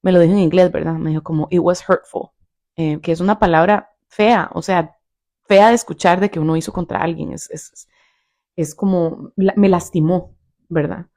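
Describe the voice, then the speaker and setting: A woman's voice: on the low side, moderate pace. A woman with a Costa Rican accent, a biblical counselor and podcast host, chatting casually and acting out the quoted lines with a raised voice. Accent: Costa Rican Spanish. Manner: animated, acts out quoted lines in a raised voice, laughs often. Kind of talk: casual storytelling to listeners.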